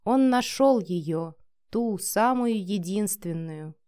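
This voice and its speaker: A woman narrating an erotic audiobook in a soft, sensual, measured voice. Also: mid-range voice, animated, no echo, clean studio sound. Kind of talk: reading an erotic story aloud.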